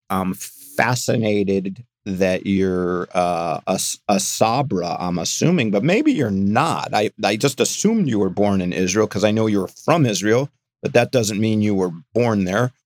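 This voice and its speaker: Deep-voiced older male podcast host. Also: animated, a little slow, dry recording. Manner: announcer-style delivery in the intro, chatty and joking in conversation. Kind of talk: interview podcast with scripted intro.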